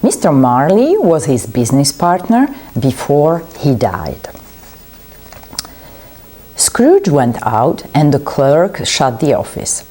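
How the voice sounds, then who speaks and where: Low, slow woman reading a story. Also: mellow, breathy edge. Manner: slow, deliberate, simple phrasing for learners. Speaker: library English consultant.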